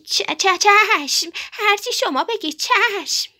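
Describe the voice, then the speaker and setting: A woman's voice: very high voice, animated, bright, forceful tone, voice pushed up, exaggerated voice. A woman voicing a timid flock of storybook birds who stammer their obedient replies. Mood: meek. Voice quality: stammering, meek. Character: timid chorus of small birds.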